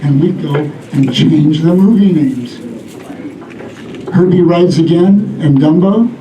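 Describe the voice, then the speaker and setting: A middle-aged stand-up comedian performs at a live comedy venue, telling rambling stories and acting out bits in a slow, somewhat high voice. The echoey club room, distant mic and audience laughter create a noisy background.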